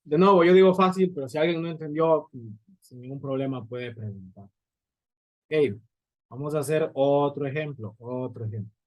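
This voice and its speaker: A man's voice: on the high side, normal speed, dry recording, dull audio. Patient man teaching a physics lesson. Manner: patient, explains step by step, checks in with listeners. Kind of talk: recorded lecture at a writing board.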